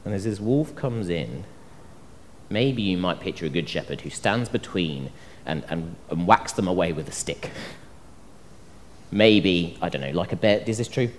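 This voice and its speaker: Animated male preacher in a reverberant hall. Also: sits low, normal speed, long pauses, a little hiss or hum. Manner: animated storytelling, acting out quoted voices. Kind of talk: sermon. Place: church hall. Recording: long reverb of a church hall.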